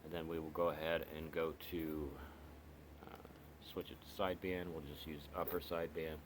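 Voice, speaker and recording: A channel host rambles through a casual radio review vlog, full of fillers and restarts. His bass voice stays level at a moderate pace, with background noise in the recording.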